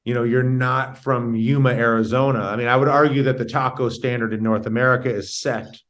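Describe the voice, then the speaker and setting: A man with a medium-pitched voice hosts an interview show. He speaks conversationally, in a halting way, restarting and rewording his questions as he goes. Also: fairly even intonation, fairly bright tone.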